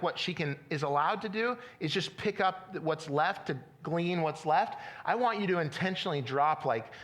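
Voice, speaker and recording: A man's voice: a little high, a bit bright. A middle-aged man preaching a sermon as pastor, conversational and often repeating words as he restarts.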